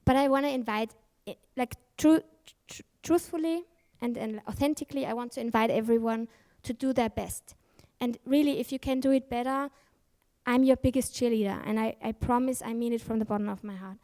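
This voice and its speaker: On a conference stage, a woman gives a candid, emphatic talk, swearing freely and often correcting herself mid-sentence with plenty of fillers. Her voice is a little high, brisk and warm.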